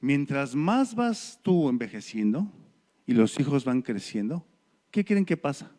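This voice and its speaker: A middle-aged man with a Mexican Spanish accent, preaching a sermon in a church, telling stories and swinging his pitch and loudness. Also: very animated, a little slow.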